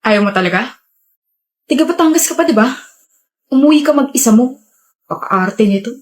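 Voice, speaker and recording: A woman playing a pushy, manipulative young boyfriend in a skit, talking in a lowered, menacing way. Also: lively intonation, normal speed, natural voice. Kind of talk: skit role-play.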